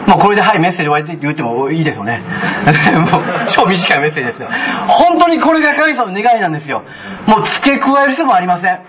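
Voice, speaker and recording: A man pastor with a Kansai accent, preaching a sermon in a chatty, animated way, with many asides to the congregation. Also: high voice, fast talker, lo-fi sound, a loud crowd. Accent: Kansai Japanese.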